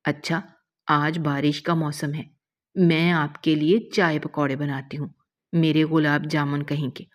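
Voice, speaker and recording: A woman with a low voice voicing a devoted young wife, who speaks in a soft, coaxing and affectionate way, in an emotional story reading. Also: flat delivery, close to an everyday voice.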